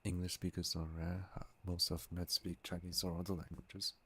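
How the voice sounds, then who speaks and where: A man's voice: low-pitched, level tone, normal speed, sharp tone, breathy edge. A man whose first language is Turkish, chatting casually with viewers while streaming a game and musing aloud.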